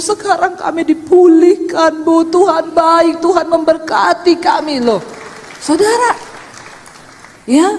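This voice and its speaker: A middle-aged woman pastor giving a lively, chatty sermon, acting out the voices in her stories. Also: high voice. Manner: animated storytelling, acts out voices of others; colloquial, chatty preaching with Javanese-flavored particles. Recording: long hall reverb.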